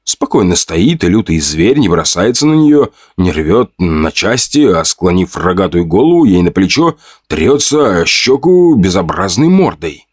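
A man giving expressive scripted narration of an audiobook. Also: deep voice, measured pace, no room sound, clean studio sound.

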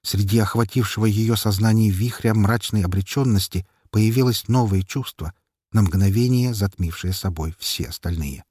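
A man narrating a first-person audiobook in an expressive, tense storytelling manner. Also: lowish voice, moderate pace, breathy edge, dry recording, studio quality.

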